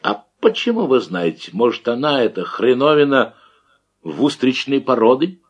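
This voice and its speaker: A man's voice: medium pitch, big pitch swings, moderate pace, breathy edge, lo-fi sound, voice pushed up. A man doing a blustering old village cook. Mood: boastful. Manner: folksy dialect, blustering. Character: old male Cossack cook, boastful and wily. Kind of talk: audiobook character reading.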